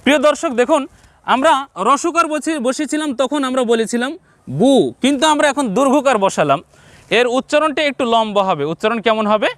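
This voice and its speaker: A male Quran teacher with a Bangladeshi Bengali accent gives a step-by-step reading lesson. He repeats each point slowly and speaks straight to the viewers. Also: extremely high pitch, lively intonation, fairly bright tone, dry recording.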